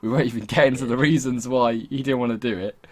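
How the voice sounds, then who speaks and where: A young man hosts a podcast over a voice call, trading casual banter that is sweary and mocking. His voice is medium-pitched with fairly even intonation, and he talks fast.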